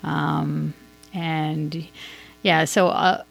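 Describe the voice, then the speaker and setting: A woman talking casually as a sports podcast host, rambling and thinking out loud as she gives her opinions. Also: sits low, level tone, very slow, vocal fry, faint music behind. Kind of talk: casual hockey commentary.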